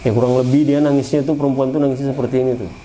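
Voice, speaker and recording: A man recounting his own eerie experience in a casual, animated way, often repeating phrases and addressing the listener. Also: medium pitch, very fast, slight background noise, rough recording. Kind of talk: casual first-person ghost story.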